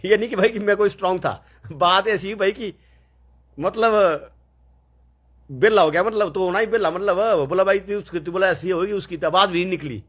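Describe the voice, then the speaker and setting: A man tells a story in a relaxed, wandering way, stopping for fillers and acting out what others said. His voice sits a little high and sounds husky. He talks casually, as if chatting with friends. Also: normal speed. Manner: rambling, full of fillers and quoted dialogue.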